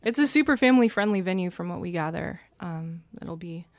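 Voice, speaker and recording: A woman musician guesting on a radio show, talking softly and hesitantly, with plenty of fillers. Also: fairly low pitch, animated, a little fast. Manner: soft-spoken, hesitant, with fillers. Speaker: band leader guest. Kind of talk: casual interview chat. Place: radio studio.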